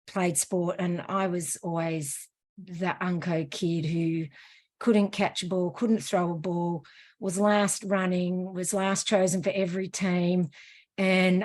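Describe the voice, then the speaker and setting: An Australian woman, a running coach, talking as a guest in a relaxed, self-deprecating way. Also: fairly low pitch, slow pace. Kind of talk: casual interview chat.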